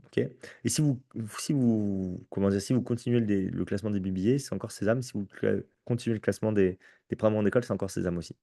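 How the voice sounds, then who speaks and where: A man with a French accent walks an audience through entrance exams in a relaxed, chatty tone, regularly checking that everyone is following. His voice is mellow and warm, recorded dry and up close. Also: fairly low pitch, fast talker, creaky, hardly any pauses, no room sound. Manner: conversational, addresses audience with frequent "ok?" and restarts. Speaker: prep school teacher presenting exams. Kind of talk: live conference presentation.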